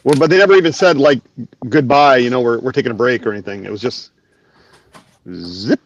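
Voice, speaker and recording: A man's voice: mid-range voice, brisk, muffled recording, slight background noise. A man co-hosting a casual reselling live show, joking and rambling, often trailing off mid-thought. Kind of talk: casual group chat.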